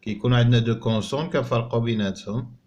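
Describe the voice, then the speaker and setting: A man with a Moroccan accent teaching a French reading lesson to young pupils. He sounds out each word slowly and clearly, then explains it quickly. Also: mid-range voice, a little mellow, muffled recording. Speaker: primary school teacher.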